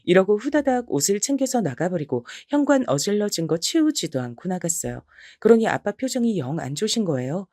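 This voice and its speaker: A woman's voice: mid-range voice, big pitch swings, a little fast, hardly any pauses, dark tone, dry recording, clean studio sound. A woman narrating a listener's story in the first person, in a confiding tone.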